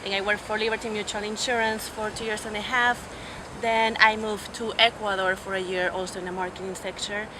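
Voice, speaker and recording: A young woman from Peru answering interview questions about her studies and work, fluent but with frequent fillers and restarts. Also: mid-range voice. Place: outdoors on a university campus. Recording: clear background noise.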